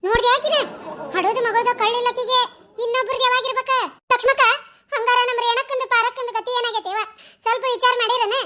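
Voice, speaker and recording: Female voice actor: squeaky, piercing cartoon village women, North Karnataka Kannada accent, rapid chattering delivery. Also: steady tone. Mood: anxious. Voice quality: very high, bright and shrill. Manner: fast, chattering village talk. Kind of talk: cartoon dialogue acting.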